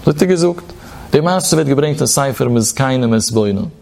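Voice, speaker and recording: A man teaching a Talmud lecture, dipping low and rising high in a chant-like cadence as he talks straight to his listeners. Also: expressive, moderate pace, vocal fry, a little mellow. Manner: swings between low and high tones, addresses listeners directly. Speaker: Torah teacher.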